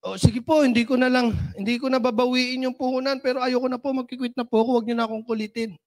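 A man's voice: extremely high pitch, steady tone, fast talker, darkish tone. A man voicing a timid adult reseller who politely and apologetically pleads to quit the business. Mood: pleading.

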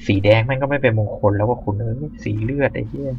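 A man casually commenting while playing a horror game, swearing freely and reacting loudly to scares. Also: medium pitch, quick pace, vocal fry, muffled recording, noisy background. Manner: talks to himself while exploring. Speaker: gamer. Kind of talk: let's play commentary.

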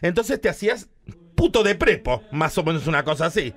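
Rioplatense man, campy comic storyteller, voice that swings high and lively. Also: fairly quick. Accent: Rioplatense Spanish. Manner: flamboyant, theatrical, jumps into shrieking character voices. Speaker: radio comedian. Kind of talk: comic retelling of a Bible story.

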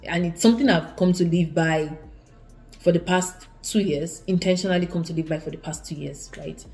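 Poor audio and faint background music accompany a young woman whose darkish voice is on the low side, at a normal speed. She is a Nigerian student vlogger with an Igbo accent, earnestly and casually advising viewers from a living room, with many restarts and repetitions.

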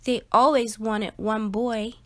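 A woman with a fairly high voice reads a children's picture book aloud, very slowly and expressively, placing deliberate emphasis on her phrasing.

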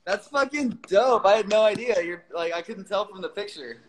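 A man's voice: high-pitched, expressive, moderate pace, a little hiss or hum, poor audio. Loose, swearing man hosting a phone livestream. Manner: swears a lot, loose and jokey. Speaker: livestream host. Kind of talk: casual livestream chat.

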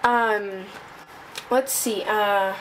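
A woman presenting a casual tech demo off the cuff, halting and thinking aloud as she goes. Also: mid-range voice, steady tone, low-quality recording. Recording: noticeable background noise.

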